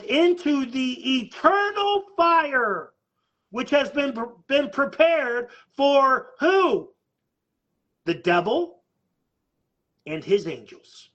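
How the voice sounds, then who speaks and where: A man's voice: extremely high pitch, a bit bright, highs cut off. A man preaching a sermon as a pastor, urgent and emphatic, often repeating words as he pushes his point.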